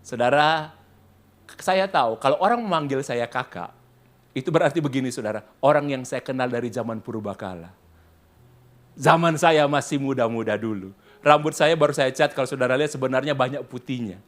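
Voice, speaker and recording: A man's voice: mid-range voice, brisk. A man in his fifties preaching a sermon as a pastor, telling a story and acting out the voices of the people in it. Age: 50s.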